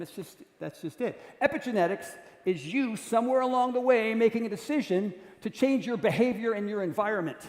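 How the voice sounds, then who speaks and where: Energetic fifties guy, fitness keynote, fairly high voice, big echoey hall with long reverb. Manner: energetic, joking, rallies the crowd. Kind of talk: motivational talk to a live audience. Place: large conference hall.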